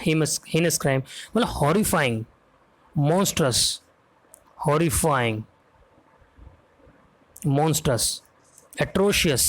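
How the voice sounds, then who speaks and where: Teaching English vocabulary for an exam, a man with an Indian accent spells words letter by letter and often checks that students are following. His voice is a little high.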